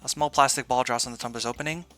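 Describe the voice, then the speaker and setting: A man's voice: medium pitch, steady tone, rapid-fire, pushed and bright, faint music behind. A man streaming a video game, reading story text aloud and adding casual commentary.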